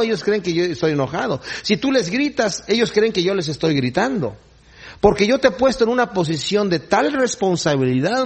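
A man playing a calm divine voice. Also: high-pitched, breathy edge, heavily acted. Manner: calm, soothing instructions. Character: patient divine male voice instructing a prophet.

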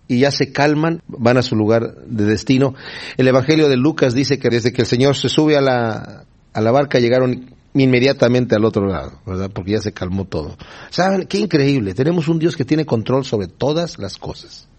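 A man's voice: mid-range voice, lively intonation, normal speed, darkish tone. A man preaching a sermon, reading Bible verses and explaining them in a conversational way, often checking in with his listeners. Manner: conversational, often asks the listeners "¿verdad?", chuckles while explaining.

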